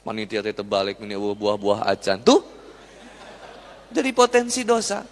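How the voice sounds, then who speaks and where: A young man's lively sermon to a live crowd is chatty and full of jokes, and he keeps asking his listeners questions. His voice is on the low side with huge pitch swings at a moderate pace, recorded with long hall reverb.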